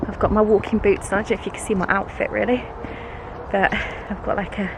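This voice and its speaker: A British woman, a schoolteacher who vlogs, chats to camera while walking through the woods, sounding congested and bunged-up. Her mid-range voice is fairly quick with vocal fry and little pitch movement, and she's self-mocking and laughs often. The noisy outdoor camera recording picks up woodland ambience and passing vehicles.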